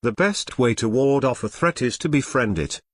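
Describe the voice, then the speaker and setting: A man reading an audiobook aloud in a wry, mock-grandiose way, with dramatic pauses, close to the mic. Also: mid-range voice, animated, dry recording. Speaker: audiobook narrator. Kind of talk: scripted narration.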